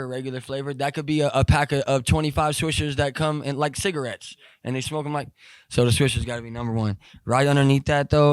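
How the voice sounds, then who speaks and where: A young man as an interview guest, telling stories in a rambling, profane, animated way with lots of fillers. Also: medium pitch, smooth, dry recording. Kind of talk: casual storytelling.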